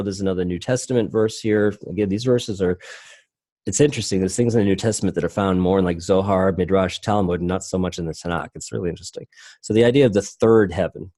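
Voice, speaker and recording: A man's voice: sits low, a little mellow, no echo. A man giving an online presentation lecture, rambling with many fillers and restarts. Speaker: teacher.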